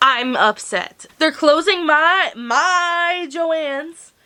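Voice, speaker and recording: High-voiced chatty young woman vlogger. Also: expressive, very slow, bright, forceful tone, soft background music. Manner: chatty, swears casually, slangy. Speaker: crochet vlogger. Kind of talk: casual chat to camera. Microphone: plug-in desk mic.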